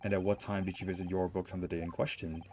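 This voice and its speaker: A man voicing an earnest, determined young defence lawyer with a measured, formal delivery in a video game. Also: sits low, level tone, darkish tone, natural voice. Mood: probing.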